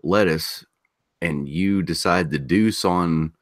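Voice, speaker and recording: A man's voice: low-pitched, takes it slowly, no echo, clean studio sound. A man in a casual group voice chat who talks about farm life in a blunt, crude way. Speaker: chat participant.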